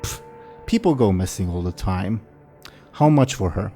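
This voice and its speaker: Tabletop game villain: haughty, scheming Grand Vizier played by a man, oily and condescending, low and mellow. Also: expressive, normal speed, faint music behind. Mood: calculating, dismissive.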